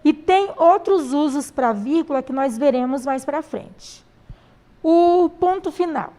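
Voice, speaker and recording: Slow, patient Brazilian teacher woman. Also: sits high, lively intonation, warm tone. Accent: Brazilian Portuguese. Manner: slow, patient explaining with many pauses and fillers. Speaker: primary school teacher. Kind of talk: recorded classroom lesson.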